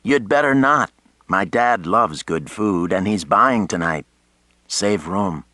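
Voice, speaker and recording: A man voicing a quick-witted young woman of about twenty in an audiobook, teasing and eager. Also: on the low side, expressive, sharp tone, no room sound, pitched above the performer's own voice, heavily acted. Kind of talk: audiobook character voice.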